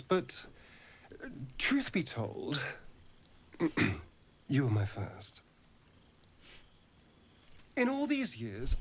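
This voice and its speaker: A centuries-old vampire elf from a video game. He talks in a silky, theatrical voice, slow and lingering. His pitch moves a great deal. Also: heavily acted.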